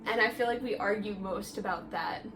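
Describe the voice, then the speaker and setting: A woman's voice: mid-range voice, fairly quick, over music. A young woman vlogger chatting casually, telling a story with lots of "like" fillers. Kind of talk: casual chat.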